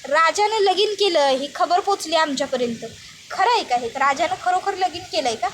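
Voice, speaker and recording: A woman's voice: very high-pitched, animated, normal speed, fairly bright tone, slight background noise. A woman voicing a nosy village mason who gossips and boasts about winning a bet.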